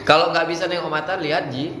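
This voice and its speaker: A man's voice: fairly high pitch, steady tone, quick pace. A man coaching students for an Islamic speech contest in a casual manner, now and then chanting Arabic phrases to demonstrate. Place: indoor room at an Islamic boarding school. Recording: echoey room, faint background noise.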